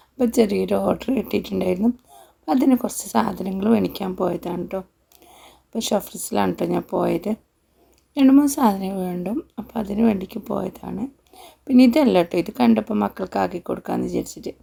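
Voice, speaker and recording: A woman's voice: medium pitch, creaky, warm tone, slightly rough. A woman, short of breath, chatting homely through a casual cooking vlog. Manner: chatty, homely, frequent tag particles. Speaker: cooking vlogger.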